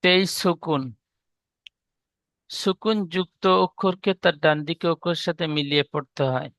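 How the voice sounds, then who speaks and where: Bright clear male Quran reading teacher. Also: fairly high pitch, moderate pace, no echo, highs cut off. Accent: Bengali. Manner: explains step by step, has students repeat the rules aloud. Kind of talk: slow recitation lesson with repetition.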